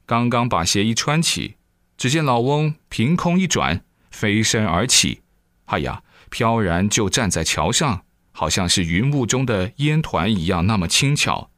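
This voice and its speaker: Male preacher, lively storyteller, exclamatory, lowish voice, dry sound. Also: measured pace, no echo. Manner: animated storyteller with frequent exclamations. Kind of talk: storytelling dharma talk.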